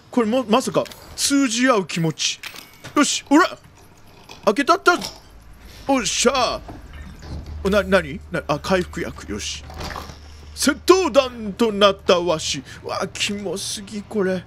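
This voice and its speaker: A man doing jumpy let's-play commentary of a horror game, often repeating exclamations quickly and using old-man turns of phrase. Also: high voice, a bit bright, slight background noise. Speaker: video game streamer.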